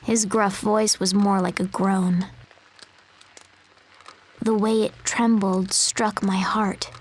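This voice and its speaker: A shy little critter telling a game story, soft and slow. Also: female voice, mid-range voice, flat delivery, rough recording. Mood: wistful. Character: small animal narrator, timid, posing as a girl. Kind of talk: scripted game narration.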